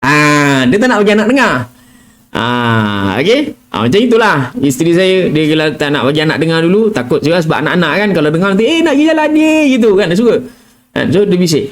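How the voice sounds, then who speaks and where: A man's voice: fairly high pitch, very animated, quick pace. A middle-aged man with a Malaysian Malay accent giving a casual live tajwid lesson, chatty and peppering his talk with "kan?" and "ah", now and then demonstrating letter sounds in a whisper or in chanted recitation. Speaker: Quran recitation teacher.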